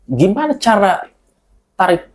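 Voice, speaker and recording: Casual podcast host asking questions. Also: male voice, high-pitched, very animated, measured pace.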